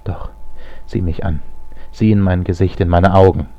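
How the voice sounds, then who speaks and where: A man voicing a proud, drunk and wounded nobleman in an audiobook reading, speaking low, hushed and commanding. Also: fairly even intonation, moderate pace. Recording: slightly lo-fi audio.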